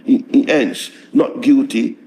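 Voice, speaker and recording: A middle-aged lawyer with a hoarse, strained voice, recounting events in a measured, halting interview manner. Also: male voice, medium pitch, fairly even intonation, warm tone, slight background noise. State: hoarse, voice strained after tear gas.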